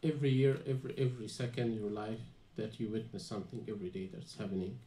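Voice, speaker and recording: Here a young Palestinian student from Gaza talks fast in a warm, lowish voice with fairly even intonation. As a panel guest recounting his own experiences, he stumbles through fillers and restarts, and the echoey, dimly lit venue holds a live audience.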